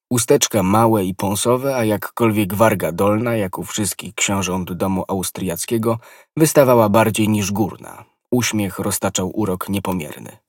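A man narrating a classic novel in an audiobook, measured and descriptive. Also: fairly low pitch, no echo, studio quality. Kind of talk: scripted literary narration.

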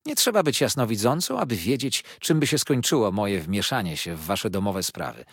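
A man's voice: fairly low pitch, very animated, slightly rough, no echo, studio quality, full character voice. A man doing a stern but kindly old aunt. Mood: firm, kindly. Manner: measured, admonishing, gently firm. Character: older aunt, stern yet kindly, eccentric. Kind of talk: audiobook character voice.

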